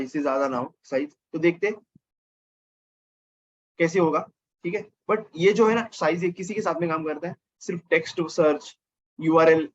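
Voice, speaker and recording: A man's voice: on the high side, husky, muffled recording. A man teaching a casual coding lesson over his screen, thinking aloud and correcting himself as he goes. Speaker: programming teacher.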